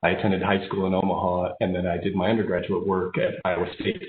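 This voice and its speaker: This American keynote speaker, an engineering executive in his fifties, talks informally and personally over a remote link despite a slight head cold. He was born in Japan, grew up overseas and then lived in the United States. His low voice moves quickly with little pitch variation, and the phone-like narrow-band sound has roomy echo.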